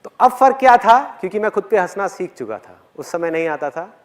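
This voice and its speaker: A man with a high voice gives a motivational talk from a stage, turning his own story into a lesson. He tells it with animation and keeps putting questions straight to the audience. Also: expressive, a little fast. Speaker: motivational speaker. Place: on stage before a live audience.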